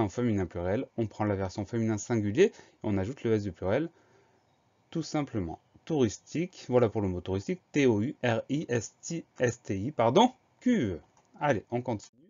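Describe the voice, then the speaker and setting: A man's voice: lowish voice, darkish tone. A man teaching a spelling lesson, patiently explaining each word step by step and spelling it out letter by letter. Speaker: primary school spelling teacher. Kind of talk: slow, methodical spelling lesson. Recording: slightly dull lo-fi recording.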